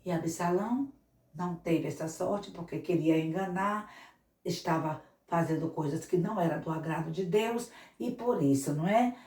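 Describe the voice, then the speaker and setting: A woman missionary telling a Bible story to children, animated and speaking to them directly. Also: on the low side, moderate pace. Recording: echoey room, mic far off.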